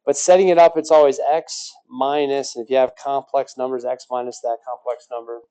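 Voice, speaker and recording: A man's voice: medium pitch, steady tone, brisk, warm tone, clean tone, low-quality recording. A male math teacher giving a recorded lesson, quizzing the class with rhetorical questions and joking along the way.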